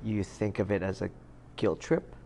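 A man's voice: fairly low pitch, steady tone, moderate pace, gravelly, warm tone, slight background noise. A man in his thirties, a guest in a casual conversation, talking in a rambling way with many fillers and restarts. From United States. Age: 30s.

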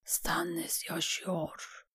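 A woman voicing a weak, feverish aging male ex-smuggler knight, moving between hoarse whispers and desperate shouts. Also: lowish voice, fairly even intonation, measured pace, no echo, studio quality. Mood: hushed realization. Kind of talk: audiobook character voice.

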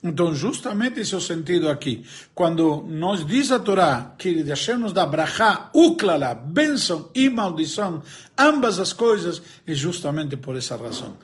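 A man giving a Torah lesson, telling stories and a joke, acting out the characters and pausing to search for words. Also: on the high side. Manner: animated storyteller, voices characters, searches for words aloud. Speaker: religious teacher.

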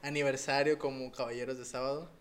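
A man with a Mexican accent hosting a casual podcast, relaxed and joking, swearing casually. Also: medium pitch, quick pace, slight background noise. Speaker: podcast host.

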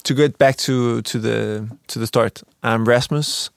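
A man's voice: medium pitch, steady tone, a little slow, creaky, smooth, dry recording. Hesitant young Danish man, dry sound. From Denmark. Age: 20s. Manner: hesitant, many fillers and restarts. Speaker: podcast co-host. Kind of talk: casual chat.

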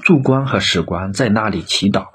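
A man voicing a shrewd, calm old chancellor who speaks in a measured, admonishing way. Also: fairly low pitch, breathy edge.

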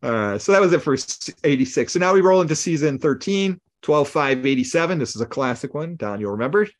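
Animated man retelling sketches. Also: on the high side, fairly quick. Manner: animated retelling, acting out lines with gasps and laughs. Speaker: podcast co-host. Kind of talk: casual chat recapping old comedy sketches.

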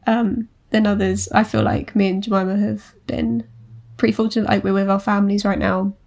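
Playful young woman with a gravelly edge. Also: mid-range voice, little pitch movement, a little fast, a little mellow. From Essex, England. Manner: playful, teasing, chatty. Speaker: podcast co-host. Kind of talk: casual chat.

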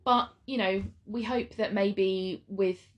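A woman co-hosting a true-crime podcast in a relaxed, chatty way. She pads her thoughts with fillers and lets sentences trail off, in a voice of ordinary pitch. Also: slow, lo-fi sound. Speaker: podcast co-host. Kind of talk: casual true-crime chat.

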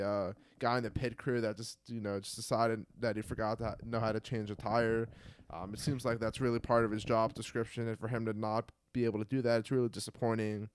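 A young man co-hosting a casual sports podcast, talking in a rambling, fairly monotone way with lots of fillers. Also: medium pitch, smooth. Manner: rambling, self-described monotone delivery with many fillers. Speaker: podcast co-host.

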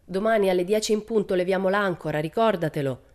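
A woman voicing a gruff, strong old sea captain, speaking in a slow, deep drawl in a storybook reading. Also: a little mellow, close to an everyday voice. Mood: hearty.

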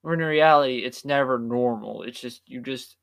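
A tired man chatting casually as a podcast co-host, drifting from point to point with a middle-pitched voice. The sound is close and dry. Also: normal speed, creaky, fairly bright tone, dry recording. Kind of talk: casual chat.

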